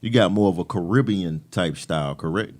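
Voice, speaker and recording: Laid-back radio host man, low voice. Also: fairly quick, a little mellow. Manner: laid-back, slangy, many affirmations. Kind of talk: casual radio interview.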